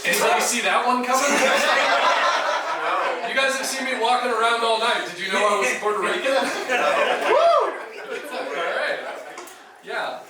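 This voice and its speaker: A male stand-up comic from Jacksonville, Florida, performs a self-deprecating set with conversational punchlines in a small comedy club. His voice is extremely high and sing-song, unhurried, with frequent pauses, heard from far off in an echoey room over a noisy crowd.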